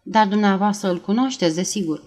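A woman reading aloud and voicing a heavyset male police officer who questions in a level, flat, unhurried way. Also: medium pitch, natural voice. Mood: calm.

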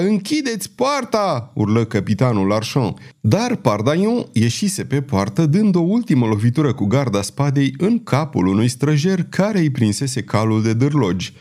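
A man narrating an adventure audiobook with great animation, his pitch swinging widely as the action builds. His tone is mellow and dark. He reads dramatically, pushing his voice upward whenever characters shout.

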